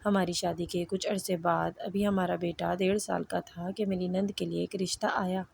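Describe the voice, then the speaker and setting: Gravelly-voiced woman narrating a story. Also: lowish voice, level tone, a little mellow, slight background noise. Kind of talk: scripted narration of an emotional story.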